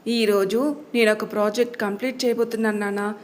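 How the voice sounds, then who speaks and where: A woman voicing a cheerful young office-working daughter in a storybook tale, lively and a bit whiny with her mother. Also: mid-range voice, brisk, a little hiss or hum, close to an everyday voice.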